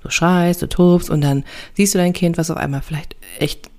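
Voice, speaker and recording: A woman's voice: fairly low pitch, fairly even intonation, normal speed, mellow. A woman talking as a parenting coach and podcast host in a casual, reassuring way, often tagging her sentences with little confirming words. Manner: conversational, reassuring, fillers like ja and ne.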